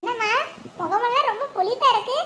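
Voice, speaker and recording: A woman's voice: very high voice, fast, bright, forceful tone, slight background noise. A woman voicing a nosy, mocking neighbour woman in a cartoon, teasing and sly. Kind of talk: animated cartoon voice acting.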